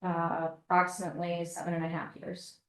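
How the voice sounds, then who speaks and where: A woman testifying in court as a paramedic, polite and measured, heard as a courtroom recording. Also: on the low side, monotone. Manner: polite, measured, answering with "yes, sir". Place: courtroom witness stand. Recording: echoey courtroom audio.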